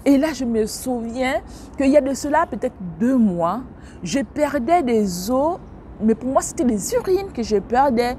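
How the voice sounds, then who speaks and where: A woman telling a personal religious testimony to listeners, lively and expressive, acting out the dialogue as she recounts it. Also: unhurried, slight background noise. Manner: animated, acts out dialogue with shifting pitch; religious exclamations, addresses listeners directly. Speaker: believer sharing a testimony.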